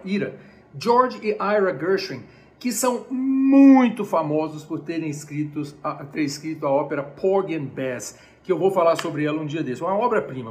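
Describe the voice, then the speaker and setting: A Brazilian man with a Brazilian Portuguese accent giving a chatty, digressive music lecture on a live stream from home. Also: high voice. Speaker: music teacher.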